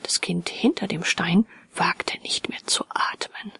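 A woman narrating a fairy tale in a soft, hushed, whispered reading. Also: lowish voice, fairly even intonation, takes it slowly, no echo, studio quality. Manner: soft, hushed and breathy delivery.

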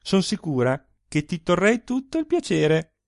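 A man's voice: high voice, huge pitch swings, a little slow, gravelly, dry recording, studio quality, pitched above the performer's own voice, full character voice. A man reading aloud voices a playful, teasing young wife who coyly refuses her husband. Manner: coy, laughing refusals.

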